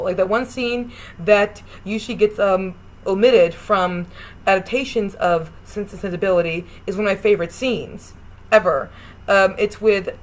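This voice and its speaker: A young woman giving an unscripted review in a loose, chatty way. She backtracks, corrects herself and piles on enthusiastic praise. Her voice sits at an ordinary middle pitch. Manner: chatty, rambling, with many restarts and gushing praise. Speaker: vlogger ranking film adaptations.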